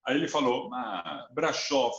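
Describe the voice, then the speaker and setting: A man's voice: medium pitch, unhurried, vocal fry, a bit bright. Man, Brazilian Portuguese accent, interview guest, earnest and reflective, echoey room, muffled lo-fi sound. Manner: earnest, thoughtful, builds points with examples. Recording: roomy, dull lo-fi sound.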